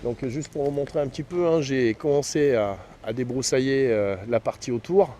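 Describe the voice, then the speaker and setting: Speaking at normal speed with medium pitch and a dark tone, this man is heard over a slight hiss or hum. He's a CB radio hobbyist and channel host whose relaxed vlog chatter wanders, falters, and frequently fades out with tag words.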